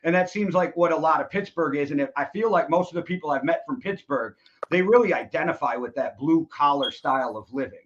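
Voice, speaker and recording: A man's voice: fairly high pitch, expressive, a little fast. A man from Wisconsin hosting a casual interview, eager and chatty as he asks questions. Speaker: podcast host. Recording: dull lo-fi sound.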